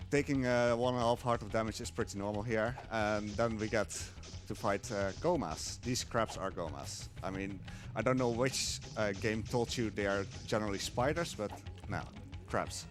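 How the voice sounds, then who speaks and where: Here a young man talks through his own speedrun live at a marathon event, his fairly low voice stumbling along with lots of filler words.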